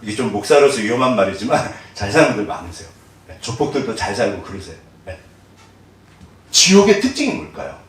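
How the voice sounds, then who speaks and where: Lively male pastor in echoey church. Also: medium pitch, fairly quick. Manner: animated storytelling with rhetorical questions, acts out voices. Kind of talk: sermon. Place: church sanctuary. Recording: very echoey hall, distant mic.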